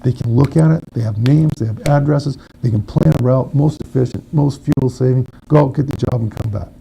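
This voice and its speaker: Gravelly folksy man at a forum. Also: medium pitch, a little fast, mellow, a little hiss or hum, low-quality recording. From northern Maine. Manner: folksy, storytelling with homespun analogies. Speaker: city council candidate. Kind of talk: candidate forum answer.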